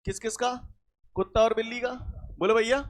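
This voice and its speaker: A man's voice: very high-pitched, steady tone, a little fast. A man teaching a physics lesson to a class. He explains step by step with everyday examples, repeats key points, slips into rustic dialect words and keeps asking whether the students follow.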